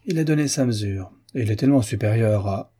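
Cocky young gent at the races, man reading him, low and mellow. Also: a little fast, husky. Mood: assured. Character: self-assured young gentleman at the races. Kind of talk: audiobook character voice.

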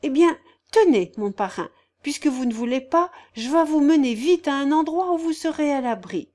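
A woman's voice: high-pitched, animated, moderate pace, darkish tone, pitched above the performer's own voice. A woman reading a novel aloud voices a simple, devout young peasant girl with artless, rustic phrasing. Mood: earnest. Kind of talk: audiobook character voice.

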